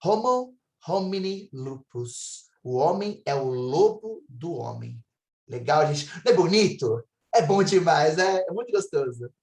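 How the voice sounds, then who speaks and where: Slow, lively Brazilian man teaching. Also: a little high. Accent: Brazilian Portuguese. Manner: enthusiastic, drawn-out model pronunciations. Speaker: Latin teacher. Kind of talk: recorded lecture. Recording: echoey room.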